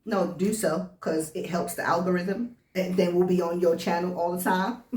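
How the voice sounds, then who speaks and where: A woman's voice: lowish voice, fairly even intonation, normal speed, darkish tone. Distant, echoey woman with a mixed accent. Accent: mixed British, American and Jamaican. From born in Britain, raised in Chicago. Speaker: co-host. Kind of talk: casual banter. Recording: echoey room, distant from mic.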